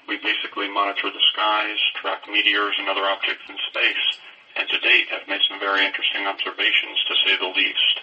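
A man answering in a recorded interview, with a flat, measured monotone, heard through a worn, low-quality copy of the recording. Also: far from the mic. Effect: worn, low-quality played recording. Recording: dull lo-fi audio from off-mic.

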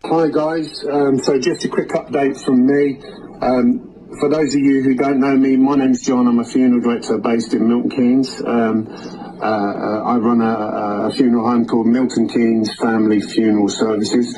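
A man speaks haltingly, filling gaps with ums as he gives an update. His voice is mellow and dark, coming through low-quality streamed video audio with a faint hiss underneath. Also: little pitch movement. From United Kingdom. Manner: hesitant, many ums and restarts. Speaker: funeral director.

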